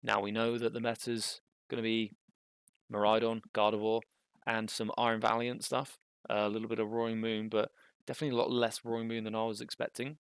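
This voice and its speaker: A young man giving casual, thinking-aloud commentary on a card game match, with bursts of excitement. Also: fairly low pitch, brisk, smooth, no room sound.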